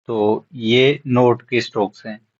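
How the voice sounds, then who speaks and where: A man's voice: medium pitch, steady tone, unhurried, dull audio. A man teaching a beginners' lesson, spelling out words letter by letter and repeating them patiently. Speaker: shorthand teacher. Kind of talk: classroom lesson.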